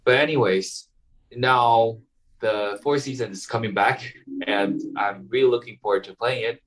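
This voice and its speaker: A man's voice: mid-range voice, measured pace. A young man, answering interview questions casually and hesitantly, with many fillers and restarts. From Taiwan. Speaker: guest violinist. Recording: voice heard from a distance.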